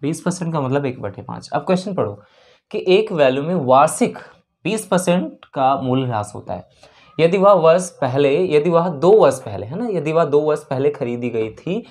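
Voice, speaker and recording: With a fairly high pitch, lively intonation and a darkish tone at normal speed, a male maths teacher works through exam-prep questions aloud, step by step. He poses questions and answers them himself, repeats the key steps, and blends English terms into what he says.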